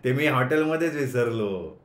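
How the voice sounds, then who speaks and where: A man's voice: mid-range voice, animated, moderate pace, lightly acted. A man voicing a flustered man who fumbles and chuckles nervously while bluffing, in an echoey room.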